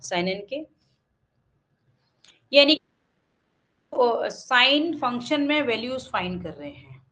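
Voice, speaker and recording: A woman with an Indian accent teaching an online math class. She reads English lines slowly and explains them in Hindi, with many fillers and frequent checks of "okay". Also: on the high side, lively intonation, sharp tone, poor audio. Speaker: math tutor.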